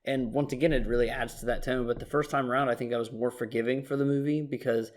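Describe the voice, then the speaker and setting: A man co-hosting a casual movie review podcast in a middle-pitched voice. He speaks reflectively and agreeably, working through his opinions with a relaxed "you know" here and there. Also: fast talker. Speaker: podcast co-host.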